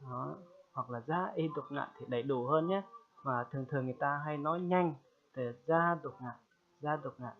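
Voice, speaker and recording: A man giving a casual spoken language lesson, repeating phrases slowly and loudly for learners and often checking in with them. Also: on the high side. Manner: chatty, checks in with "được chưa?". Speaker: language teacher. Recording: tinny phone-like sound.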